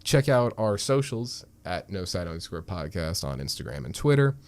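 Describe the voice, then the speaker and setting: A man's voice: low-pitched, very animated, moderate pace. A man co-hosting a podcast in loose, casual chat, swearing and laughing often. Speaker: podcast co-host.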